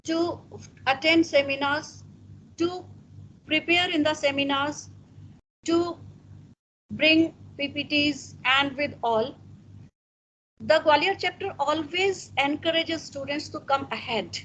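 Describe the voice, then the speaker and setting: A woman slowly reading out an introduction to astrology courses in an online class over a video call, with measured pauses. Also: high voice, fairly bright tone, slight background noise, poor audio. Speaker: student presenter at an astrology class.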